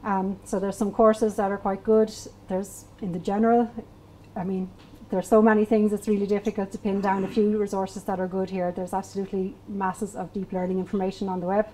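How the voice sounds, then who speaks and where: Woman presenter, 30s, warm low-key tone, flat even delivery, steady explainer with fillers. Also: brisk, a little hiss or hum, low-quality recording. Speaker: meetup speaker. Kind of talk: technical talk. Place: small event space with wooden walls.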